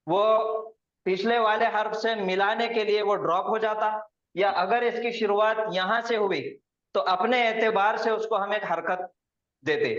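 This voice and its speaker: A male Quranic Arabic grammar teacher explains patiently, step by step, and drills pronunciation by slowly repeating words for his students. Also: high-pitched, fairly even intonation, a bit bright. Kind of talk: classroom lesson with students. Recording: roomy, dull lo-fi recording.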